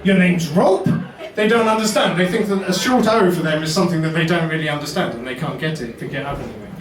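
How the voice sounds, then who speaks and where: Guy doing a stand-up set, slightly high voice, faint room noise, mic sounds far off. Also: quick pace, crowd noise. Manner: wry, self-deprecating storytelling. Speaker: stand-up science comedian. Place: basement comedy venue. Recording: roomy echo, mic heard from afar.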